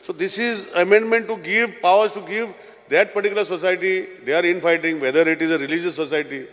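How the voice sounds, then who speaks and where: A man with a Goan accent moving a bill in a legislative debate, rapidly and repeatedly addressing the Speaker, mixing Konkani and English. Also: high-pitched, fairly bright tone. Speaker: state minister moving a bill. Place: legislative assembly hall. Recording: long hall reverb.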